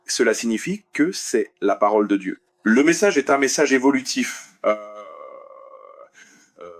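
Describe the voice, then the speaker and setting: A man from the United States gives a debate speech to an audience in an ordinary mid-range voice. He talks earnestly to the crowd, repeats lines for emphasis and hesitates with fillers when he hunts for a verse. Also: medium pitch. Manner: addresses the crowd directly.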